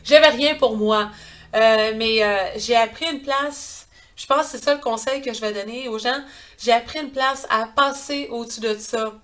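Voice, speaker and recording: A woman's voice: a little high, normal speed, a bit bright. A woman in her thirties with a Quebec French accent, chatting earnestly to a webcam in a small hallway, with many hesitations. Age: 30s. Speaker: vlogger. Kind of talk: casual chat to camera. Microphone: webcam at close range.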